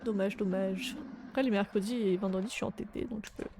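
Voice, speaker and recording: Young adult woman streamer, casual game commentary, mid pitch, talkative with sudden loud outbursts, faint background noise. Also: fairly even intonation, fast, creaky. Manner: chatty, swears, sudden loud exclamations.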